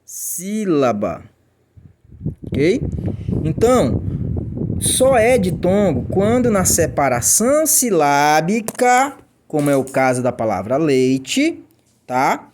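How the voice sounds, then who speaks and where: A man's voice: on the high side, sing-song, takes it slowly, background noise. A Brazilian man teaching a grammar lesson in a chatty way, checking in with the class and answering imagined student questions.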